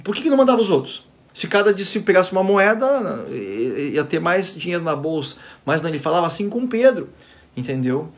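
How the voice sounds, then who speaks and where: A man preaching a Bible lesson in a fairly high voice. He speaks earnestly, calls his listeners beloved, and keeps checking that they follow him with quick rhetorical questions. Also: very animated. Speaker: apostle teaching a Bible study. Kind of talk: sermon teaching.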